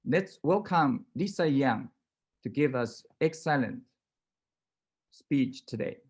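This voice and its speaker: A man with a mid-range voice introduces a keynote speaker at a ceremony. He reads from prepared notes, pausing now and then on fillers. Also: medium pitch, lively intonation, slightly rough. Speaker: former association president introducing a speaker.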